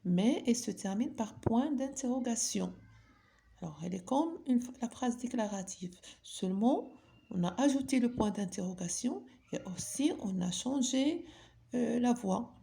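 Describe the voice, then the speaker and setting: A woman's voice: fairly high pitch, expressive, measured pace, creaky, dark tone. A woman teaching a grammar lesson, patiently asking her pupils questions and then answering them herself. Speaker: French teacher.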